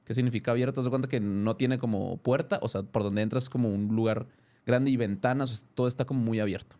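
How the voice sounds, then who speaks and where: A man in his thirties speaks with a Mexican accent. His voice is mellow and dark, sitting at a middling pitch. He tells his story as a guest in a casual interview, animated and often stopping to restart or correct himself. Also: quick pace. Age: 30s.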